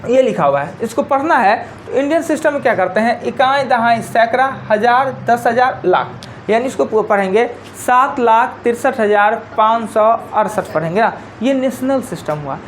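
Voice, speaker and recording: A woman's voice: fairly high pitch, lively intonation, moderate pace, a little hiss or hum. A woman teacher with a Bihari Hindi accent gives a live classroom lecture. She explains step by step, counting digits aloud and repeating her key points.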